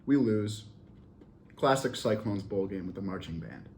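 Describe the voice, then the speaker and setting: A man's voice: on the low side, animated, moderate pace, darkish tone, a little hiss or hum. A young man with a Wisconsin accent telling wry stories in a casual chat with a bandmate. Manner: laid-back, wry storyteller. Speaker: college band member.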